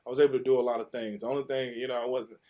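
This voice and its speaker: A man's voice: medium pitch, rapid-fire. A man, a former pro football player, talking loosely as an interview guest and acting out old conversations as he tells them. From Mississippi, USA. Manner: animated, loose, repeats and restarts, acts out quotes. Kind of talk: casual interview storytelling.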